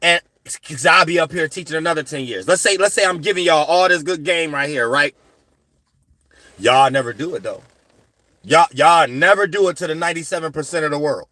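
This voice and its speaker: A man rambles through a spiritual lecture to his viewers in a slangy, preachy way. His voice sits a little on the high side. The sound is close and dry, with no room around it. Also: brisk, pushed and bright, no room sound. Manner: rambling, preachy, repeats "you know what I'm saying"; slangy conversational delivery. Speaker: spiritual astrology channel host.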